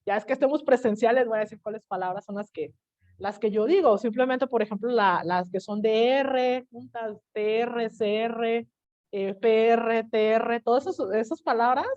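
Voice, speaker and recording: A Mexican woman teaching an online class, telling a personal story in a lively way and acting out the voices of the people she quotes. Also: fairly high pitch, normal speed, muffled recording.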